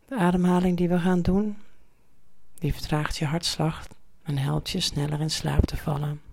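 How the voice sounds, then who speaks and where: A woman guiding a sleep meditation in a soft, soothing way. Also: low voice, steady tone, creaky, background noise. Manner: soft, slow, soothing delivery. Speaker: meditation guide.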